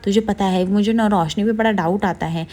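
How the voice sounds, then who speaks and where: A woman retelling a serial who voices a cheeky, suspicious young man who teases and mocks, talking fast. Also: medium pitch, dark tone, lightly acted. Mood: brash. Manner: teasing, blunt, mocking.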